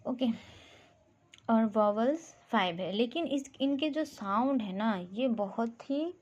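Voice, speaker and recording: A woman teaching phonics in a slow, patient way, stopping to sound out single letters. Her voice is mellow and soft-edged. The recording is dull and muffled. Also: a little high, animated. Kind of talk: explaining a phonics lesson to parents.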